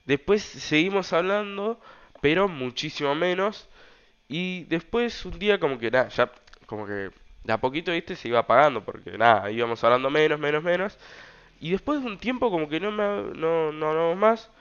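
A man's voice: a little high, animated, normal speed, fairly bright tone, clean tone, muffled recording. A young man with an Argentine Rioplatense accent, hosting a podcast and telling a personal story in a loose, slangy way, full of fillers. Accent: Argentine Rioplatense Spanish. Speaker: podcast host. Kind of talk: casual storytelling monologue.

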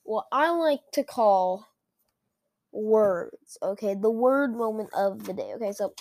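Woman vlogger, mid-pitch, rambly comic monologue full of fillers and restarts. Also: takes it slowly, a little mellow. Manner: rambling, heavy use of "like" and restarts. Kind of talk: casual comedic rant.

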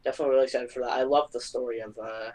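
A man's voice: medium pitch, racing, rough recording. Easygoing male podcast guest. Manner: relaxed, hesitant, with ums and uhs. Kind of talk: casual podcast chat.

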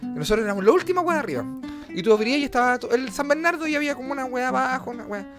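Fast-talking Chilean man telling a story. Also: very high-pitched, very animated. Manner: rambling, slang-heavy, swearing, acts out voices. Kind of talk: casual storytelling chat. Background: guitar music.

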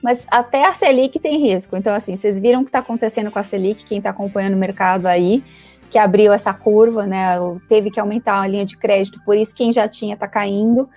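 A woman speaking as a financial advisor guest in a casual interview, talking quickly and chattily with many fillers. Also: mid-range voice, a little mellow, no room sound, soft background music. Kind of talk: casual interview explaining investments.

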